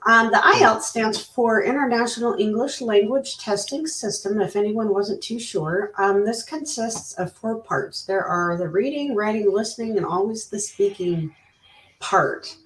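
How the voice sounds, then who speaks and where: A woman's voice: medium pitch, unhurried, a bit bright, a little hiss or hum. Chatty woman host in a roomy space. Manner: chatty, bubbly, many fillers and laughs. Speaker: interviewer host. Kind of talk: upbeat live interview. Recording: roomy, distant mic.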